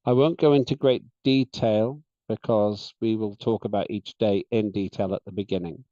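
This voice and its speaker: Man, session chair, measured and deliberate delivery, lowish mellow voice, dull video-call sound. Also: steady tone, dry recording. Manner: measured, deliberate, with frequent "uh" fillers. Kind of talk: chairing an online meeting.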